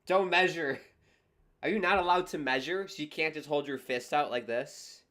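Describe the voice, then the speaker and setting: A man's voice: a little high, normal speed, a bit bright. Exasperated man doing live fight reactions. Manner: wry, exasperated play-by-play. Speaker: livestream host reacting to a boxing match. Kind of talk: casual live commentary.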